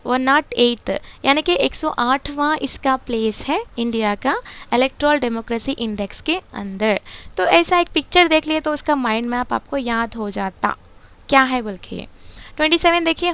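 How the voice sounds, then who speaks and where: High-voiced woman teaching exam facts. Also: fairly bright tone, clear, resonant tone. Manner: explains patiently, repeats key answers, mixes in English terms. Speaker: current affairs teacher. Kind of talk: exam-prep lesson.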